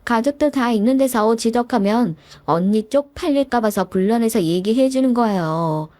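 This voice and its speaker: A woman's voice: on the high side, animated, moderate pace, a little mellow, dry recording, close to an everyday voice. A woman voicing a spiteful, arrogant young sister-in-law who sneers and talks down to others. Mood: sneering. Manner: sneering, condescending.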